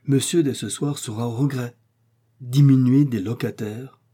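A man's voice: medium pitch, steady tone, a little slow, warm tone, slightly rough. A man reading a story aloud, voicing a servile, shocked male concierge who stammers and pleads in a raised voice. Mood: flustered pleading. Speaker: character in a read story. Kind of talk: audiobook character reading.

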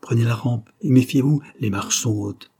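A man's voice: medium pitch, normal speed, dark tone, husky, natural voice. A man voicing a brusque, impatient young male painter who gives curt orders, in a classic French audiobook. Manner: curt, commanding.

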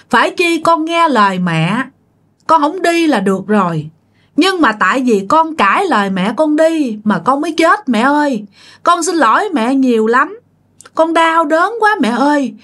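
A young woman's ghost sobs out her apology in a high, strained wail, her pitch leaping as she begs , as a woman narrator puts her on. She sounds remorseful and in pain, in a storytelling voice. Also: expressive, measured pace, a bit bright. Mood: sobbing, pleading. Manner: tearful wailing pleas.

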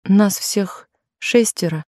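A woman's voice: mid-range voice, slow pace, dark tone, dry recording, studio quality. A woman voicing a timid young working-class maid who pleads and refuses in a raised, tearful voice. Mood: pleading.

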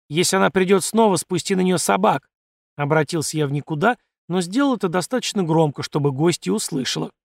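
A man narrating a first-person story as an audiobook reader, steady and measured. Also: on the high side, vocal fry, dry recording, clean studio sound.

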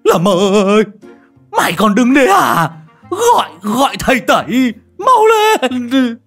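A man voicing a frightened old male exorcist who yells curses in panic. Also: very high voice, sing-song, slow pace, vocal fry, soft background music, pitched above the performer's own voice, exaggerated voice. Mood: panicked yelling. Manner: panicked yelling.

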